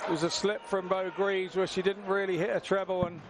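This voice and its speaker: A man's voice: high voice, little pitch movement, fairly quick. A man giving conversational live darts analysis as a co-commentator. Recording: noisy venue background.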